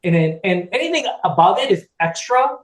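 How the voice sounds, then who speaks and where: A man in his fifties from California, a podcast guest, chats casually, rambling with plenty of restarts and fillers and laughing easily. His high voice swings widely in pitch and moves briskly, with a roomy sound.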